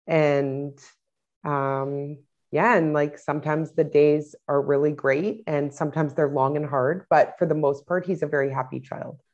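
A woman in her thirties with a notably low voice talks at length as a guest parent. She rambles, stopping and restarting with plenty of fillers. The sound is dull and lo-fi, as over a video call. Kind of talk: casual interview talk.

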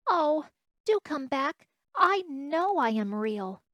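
A woman's voice: high-pitched, big pitch swings, a little slow, fairly bright tone, no room sound, voice pushed up, heavily acted. A woman voicing a small, shy male toy rabbit in a storybook reading, with a plaintive, childlike, earnest manner. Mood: pleading.

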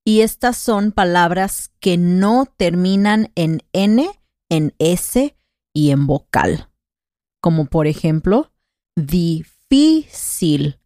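A woman's voice: fairly low pitch, expressive, takes it slowly, a little mellow, no echo, studio quality. A woman co-hosting a conversational Spanish lesson podcast, patiently explaining grammar rules with examples.

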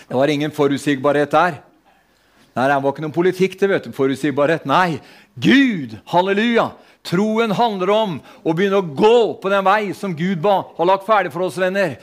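A man preaching a fervent prophetic sermon, speaking in God's voice and calling out hallelujah. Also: fairly high pitch. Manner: fervent, speaks in the first person for God, exclaims hallelujah.

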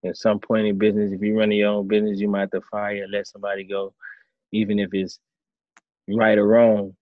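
Man, 30s, very low voice, relaxed storyteller, dry dull-sounding recording. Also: a little fast, no room sound. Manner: relaxed storytelling, acts out his own past thoughts. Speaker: former quarterback turned coach. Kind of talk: casual interview answers.

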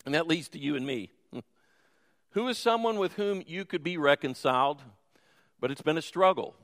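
A man's voice: fairly high pitch, expressive, moderate pace, a bit bright. A man preaching a sermon in a conversational way, asking the congregation questions and joking with them. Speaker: pastor. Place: church sanctuary. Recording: reverberant church hall.

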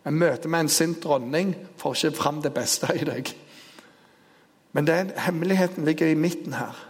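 A man preaching a sermon, retelling a story with lively storytelling. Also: on the high side, slightly rough. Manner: storytelling, grows animated and loud in the retelling. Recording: long hall reverb.

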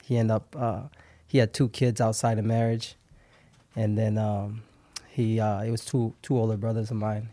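A man's voice: lowish voice, flat delivery, moderate pace, mellow, dry recording. A man in his thirties from Haiti, a guest chatting easily in an interview, laughing often and restarting his sentences. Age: 30s. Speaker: podcast guest. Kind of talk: casual interview chat.

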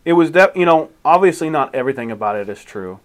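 A man's voice: a little high, lively intonation. A man co-hosting a podcast, chatting casually and often restarting his sentences. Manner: halting, restarts often, rates things plainly. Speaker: podcast co-host. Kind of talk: casual chat.

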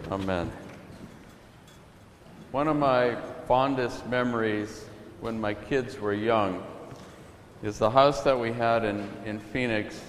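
Pausado sacerdote en una iglesia con eco. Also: male voice, fairly low pitch, a little hiss or hum. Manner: calm, storytelling preacher. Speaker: priest. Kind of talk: gospel reading and sermon. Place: church. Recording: echoey church from a distance.

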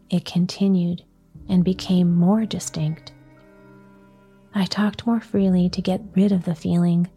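At bedtime, a woman reads a story aloud in a soft, breathy whisper at a medium pitch.

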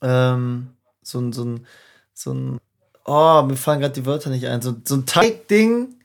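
A young man co-hosting a casual podcast, relaxed and slangy, often searching for the right word. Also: mid-range voice, unhurried, gravelly. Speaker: podcast co-host.

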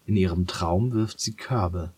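A man narrating a children's story in a calm, measured way. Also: deep voice, husky.

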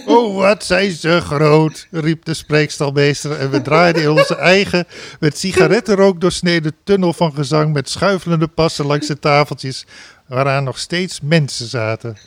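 A man reading a comic story aloud on a talk show, switching to loud sung party chants and laughing along. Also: a little high, moderate pace, no echo. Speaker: reader of a book passage on a talk show.

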